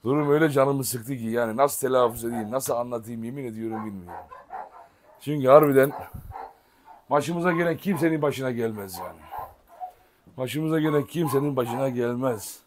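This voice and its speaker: A man's voice: mid-range voice, normal speed, slight background noise. A man talking frankly and wearily to his viewers in a casual vlog, outdoors in a yard full of dogs. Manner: weary, frank, speaks straight to viewers. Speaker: vlogger and dog keeper.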